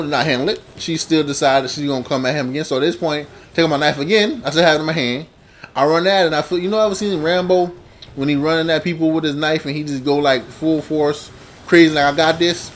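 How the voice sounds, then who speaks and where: A man casually telling a long personal story to camera, rambling and repeating himself, with sudden jumps in pitch and loudness. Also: a little hiss or hum.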